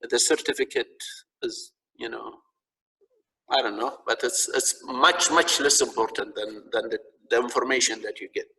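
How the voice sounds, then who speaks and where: A man's voice: medium pitch, fairly even intonation, normal speed, gravelly, pushed and bright. A man with an Arabic accent teaching a course as a live lecture, often repeating words and stumbling as he searches for phrasing. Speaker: instructor teaching a training course. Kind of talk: live lecture with audience questions. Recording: distant, echoing reverberant sound.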